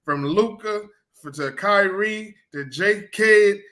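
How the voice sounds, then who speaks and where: A man co-hosting a sports talk show, emphatic and excited, often repeating himself. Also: high-pitched, takes it slowly.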